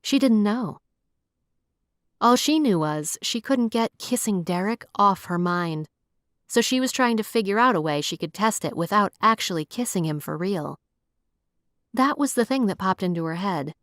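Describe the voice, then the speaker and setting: A woman narrating a romance audiobook in an even, measured storytelling voice. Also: mid-range voice, no echo, studio quality.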